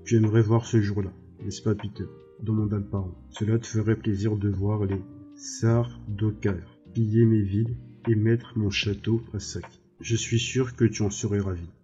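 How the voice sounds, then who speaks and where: A man voicing a cruel, scheming baron who speaks slowly and mockingly. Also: on the low side, flat delivery, warm tone, dull audio, faint music behind, close to an everyday voice. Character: cruel scheming male baron, older, menacing.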